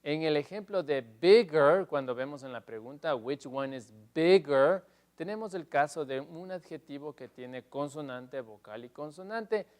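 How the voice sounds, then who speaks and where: A man teaching English grammar in Spanish in a televised lesson, explaining step by step and loudly stressing each English example. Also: on the high side, expressive, moderate pace, few pauses.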